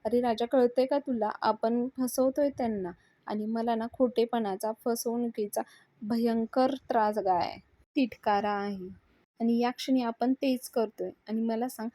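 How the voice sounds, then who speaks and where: A woman narrator voicing an anxious, upset young woman from a television serial, her lines quickly pleading and full of agitated questions. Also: fairly high pitch, fairly even intonation, warm tone, no room sound, close to an everyday voice. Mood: distressed.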